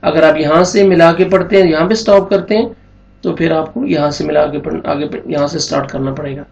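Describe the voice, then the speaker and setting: A man's voice: a little high, fairly even intonation, vocal fry, a little mellow, reverberant, lo-fi sound. A man teaching Quran recitation rules, explaining each sound patiently step by step. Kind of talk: tajweed lesson.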